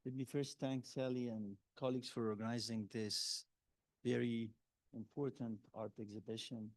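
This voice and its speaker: Halting man from Afghanistan on a panel. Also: medium pitch, little pitch movement, dry recording, low-quality recording. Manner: halting, many filler sounds. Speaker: public health policy advisor. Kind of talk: panel talk. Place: exhibit hall panel.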